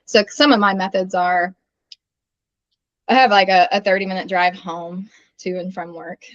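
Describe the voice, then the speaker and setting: A woman's voice: medium pitch, fairly even intonation, moderate pace, fairly bright tone, dry recording. A woman guest talking candidly and a bit ramblingly in a casual conversation. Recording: dull lo-fi sound.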